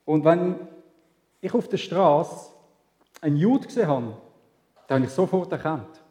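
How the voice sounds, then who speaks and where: In an echoey hall with long reverb, a man from Switzerland delivers a sermon in a conversational style, asking rhetorical questions in his Swiss German accent. His voice runs on the high side, expressive and warm, at a measured pace.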